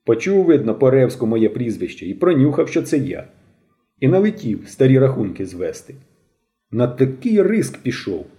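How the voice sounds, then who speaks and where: A man's voice: medium pitch, big pitch swings, moderate pace, mellow, close to an everyday voice. A man reading a jovial, teasing, plain-spoken seasoned soldier in an audiobook. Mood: sober. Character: cheerful seasoned soldier, grown man, easygoing. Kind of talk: audiobook character voice.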